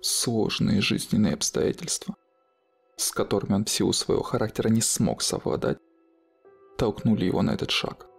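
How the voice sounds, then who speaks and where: A man reading a scripted horror story in a measured, dramatic way. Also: on the low side, vocal fry, husky, faint music behind.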